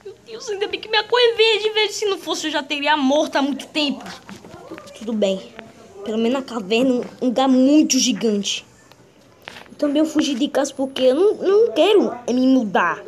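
A high, bright-voiced young green dinosaur , played by a woman, who chatters to himself in slang while he roams. He sounds light and youthful, with a soft hiss of background noise. This is casual in-character game role-play. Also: expressive, moderate pace. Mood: hiding. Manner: chatty, slangy, talks to itself.

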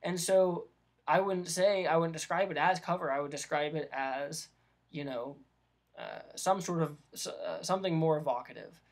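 Brief: male vlog host, light higher voice, loose unscripted talk full of fillers, camera mic. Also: moderate pace. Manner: rambling, many ums and restarts. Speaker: vlog host giving dungeon master advice. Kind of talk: casual unscripted explanation.

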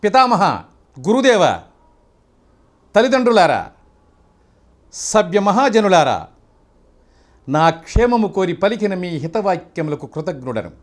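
A man's voice: high voice, very animated, a little slow, long pauses. An older man voicing a proud, defiant king of an epic, reciting a grand court speech in a classical stage manner. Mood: defiant, declaiming. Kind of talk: stage-style mythological dialogue recital.

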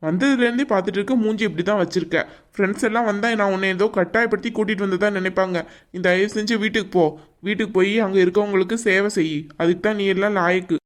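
A woman's voice: medium pitch, steady tone, quick pace, close to an everyday voice. A woman voicing an irritable young man in a cartoon, with a Kanyakumari Tamil accent and a curt, scolding manner. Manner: scolding, impatient. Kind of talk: cartoon voice acting.

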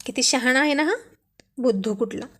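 A woman's voice: sits high, a little fast, a bit bright. Woman voicing a squealing, stubborn young wife. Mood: pouting. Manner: squealing, petulant complaints. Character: young wife, scared of a lizard, fussy and stubborn.

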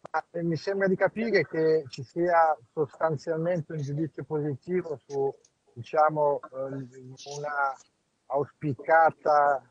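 A man in parliament speaking over a remote call line, asking a formal question at a hearing in a halting way with many fillers. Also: a little high, fairly even intonation. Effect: heard over a remote call line. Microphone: remote call connection. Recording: dull lo-fi remote call audio.

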